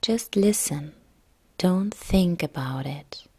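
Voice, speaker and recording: A woman yoga nidra instructor narrating a guided relaxation meditation in a calm, soft, gentle, breathy way. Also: on the low side, slow, no echo.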